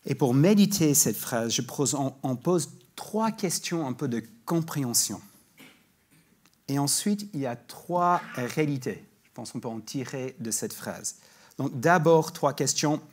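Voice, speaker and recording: A man giving a sermon as a guest preacher in church, talking in a conversational way with frequent restarts, and reading scripture slowly and emphatically. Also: mid-range voice, lively intonation. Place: church sanctuary.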